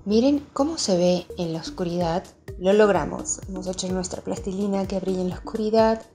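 A woman's voice: medium pitch, a little fast, warm tone. A woman hosting a children's channel, narrating a craft tutorial in a friendly way, speaking straight to young viewers. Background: music behind the voice.

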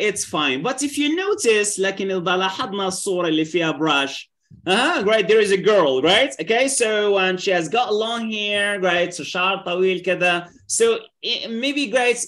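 Slow, bright-voiced man teaching English online. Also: high-pitched, lively intonation. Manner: keeps saying "great" and "right?", switches between English and Arabic.

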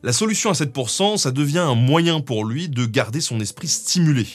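A man's voice: fairly high pitch, expressive, normal speed. A man explaining history in a casual, chatty way, often dropping in small fillers. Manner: chatty, with many fillers like "hein". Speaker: guest co-host.

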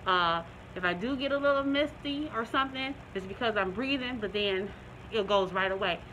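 A middle-aged woman reviewing a product in a casual vlog, talking through a face mask, chatty and relaxed with many ums and restarts. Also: medium pitch, normal speed, a little hiss or hum, low-quality recording.

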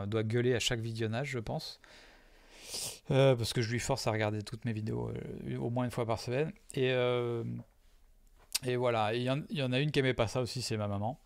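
A man's voice: medium pitch, steady tone, moderate pace, creaky, dry recording. A man casually commenting live on his own video, hesitant with lots of fillers and self-mocking jokes.

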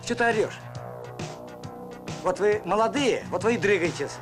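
A grumpy older worker who won't be pushed around. His high voice rises and falls widely, on an old film soundtrack with music. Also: expressive, moderate pace. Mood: grumpy, threatening. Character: grumpy older male worker defying the young ones. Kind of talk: Soviet film acting.

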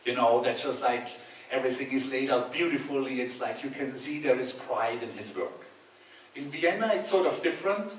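Relaxed man speaking in a hall. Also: medium pitch, normal speed, far from the mic, slight background noise. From Austria. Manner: relaxed, conversational, jokes with the audience. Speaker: speaker giving a talk and Q&A. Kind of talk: lecture with audience questions. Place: large bright hall with hard walls, indoors. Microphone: headset mic. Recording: echoey hall, speaker a bit off-mic.

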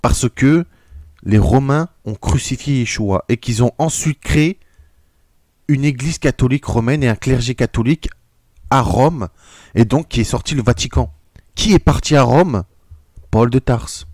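An indignant male preacher, reading passages aloud and breaking off to exclaim his outrage. His voice sits at an ordinary middle pitch. The recording is dry and close, with no room sound. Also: unhurried, a little mellow, no room sound. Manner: indignant, exclamatory, reads quotes aloud and comments. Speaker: religious video preacher. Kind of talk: audio sermon commentary.

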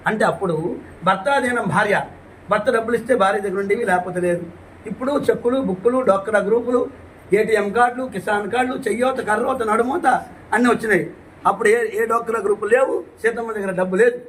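Male priest, storytelling, lively, rhetorical questions, high voice, faint background noise. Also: fast talker, poor audio. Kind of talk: storytelling talk.

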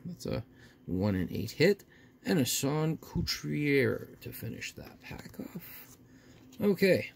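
Gravelly man casually hosting an unboxing. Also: a little high, big pitch swings, takes it slowly. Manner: folksy, often addressing viewers. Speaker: host of a card pack opening video. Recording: faint noise with crinkling wrappers.

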